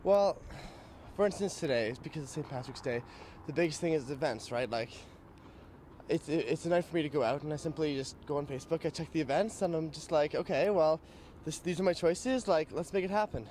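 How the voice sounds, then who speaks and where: A man's voice: fairly high pitch, a little fast, darkish tone, a little hiss or hum. A young male student answering a street interview outdoors, speaking into a reporter's handheld mic. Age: young adult. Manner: easygoing, talks with restarts and "like". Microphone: reporter's handheld microphone.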